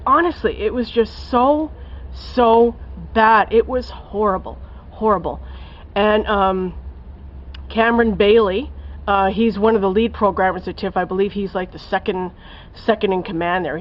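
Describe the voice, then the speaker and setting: A woman's voice: a little high, highs cut off, slight background noise. A woman giving a casual spoken film review, blunt and profane, ranting with lots of fillers. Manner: blunt, profane, scathing rant with many fillers.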